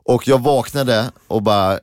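A man's voice: mid-range voice, darkish tone, dry recording, studio quality. A man co-hosting a casual morning podcast, telling stories wryly and poking fun at himself. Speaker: podcast co-host.

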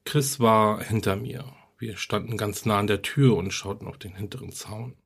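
A man with a deep, slightly breathy voice reads a horror story aloud at a normal speed over soft background music. He sounds calm and steady, like a podcast narrator easing listeners into a creepy night tale.

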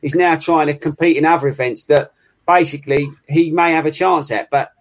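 A man's voice: a little high, fairly even intonation, fairly quick. A British man co-hosting in casual banter, rambling along in a teasing way. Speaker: podcast co-host.

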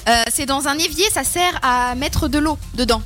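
A woman co-hosting a casual game show, giggly, giving quick word clues. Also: high voice, fairly bright tone, soft background music. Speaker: co-host.

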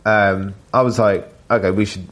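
A man's voice: lowish voice, normal speed. A man, a chef, chatting casually in an interview with lots of fillers and tag questions. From Britain. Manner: relaxed, rambling, with frequent fillers and tag questions. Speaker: chef and cookbook author.

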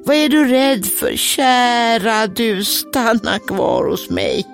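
A woman voicing an old fairy-tale woman with big teeth who coaxes a girl to stay, in a sugary high voice. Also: gravelly, soft background music. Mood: coaxing.

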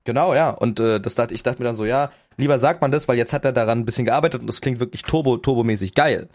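Quick talking young dude, rambly slangy podcast chat, normal pitch. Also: male voice. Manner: rambling, restarts with fillers, rapper slang. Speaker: podcast co-host.

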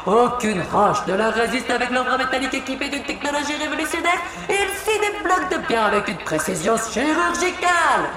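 A performer voicing a booming loudspeaker stadium announcer. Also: big pitch swings, fairly quick, hardly any pauses. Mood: showy announcing. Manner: grand, sing-song introductions with bursts of shouting. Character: showy, theatrical tournament announcer. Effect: amplified announcer voice booming over huge stadium loudspeakers. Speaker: stadium announcer at an intergalactic contest. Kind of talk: children's audio story acting. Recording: echoey loudspeaker sound with music.

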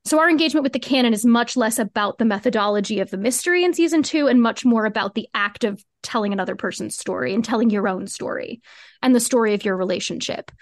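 Speaking a little high and at a quick pace, a woman answers earnestly and reflectively at length as a podcast interview guest. She co-created a fiction podcast, and the recording is dry and studio quality.

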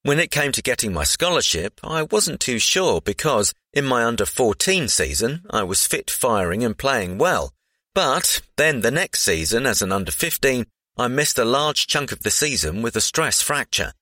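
A man's voice: medium pitch, big pitch swings, normal speed, pushed and bright, no room sound, studio quality. A man reading a scripted profile aloud.

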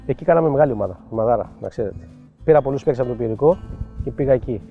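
A middle-aged man from Piraeus, a former football coach, telling animated stories as an interview guest and acting out what people said to him. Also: medium pitch, phone-quality sound, faint music behind. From Piraeus, Greece. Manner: animated anecdotes, acts out quoted dialogue. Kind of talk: storytelling interview.

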